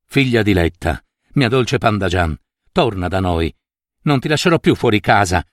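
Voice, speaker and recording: A man's voice: fairly high pitch, expressive, moderate pace, fairly bright tone, no echo, studio quality. A man reading the lines of a stern middle-aged father in a storybook, speaking harshly. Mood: imploring. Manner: harsh, then imploring.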